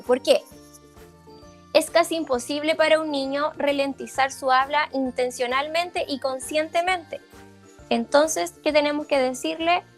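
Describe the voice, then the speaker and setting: High-voiced woman explaining slowly. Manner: explanatory, with frequent "eh" fillers and "¿ya?" check-ins. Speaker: speech therapist giving a parent workshop. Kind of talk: informal lecture over slides.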